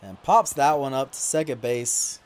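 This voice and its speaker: A man's voice: mid-range voice, moderate pace. Man commentating his video game playthrough. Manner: relaxed commentary, flaring into loud indignant complaints at calls. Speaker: gaming YouTuber. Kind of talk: casual play-by-play commentary over a video game.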